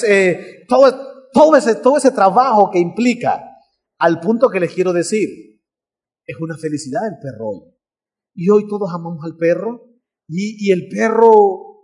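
A man preaching a sermon as pastor, animated and telling a story with acted-out voices. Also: sits high. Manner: animated, acts out voices in anecdotes, shouts at times.

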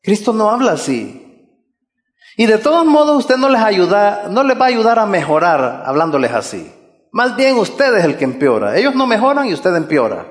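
A man preaching an earnest sermon, exhorting his listeners and circling back to the same key phrases. His voice is high for a man. It rings out with a long hall reverb. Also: very animated, normal speed.

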